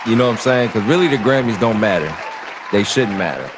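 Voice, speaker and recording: A man's voice: on the low side, animated, fast, a crowd in the background, noisy background. Man, stream host, casual chat, tipsy, laid-back, faint voices behind. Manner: laid-back, gives shout-outs, tipsy. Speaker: livestream host. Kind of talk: casual live discussion.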